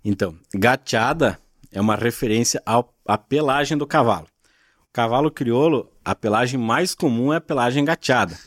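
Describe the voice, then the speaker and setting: A man from southern Brazil who creates gaúcho culture content joins a podcast as a guest, patiently explaining regional expressions in casual chat and often using tag questions. His voice is medium-pitched and a bit bright, at normal speed. The studio-quality audio has no echo.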